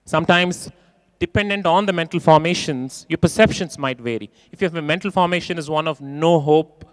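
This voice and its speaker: Delivering a keynote in a large conference hall, a man speaks with a fairly high pitch and a brisk pace. He is expressive, acting out quoted voices and repeating phrases for emphasis.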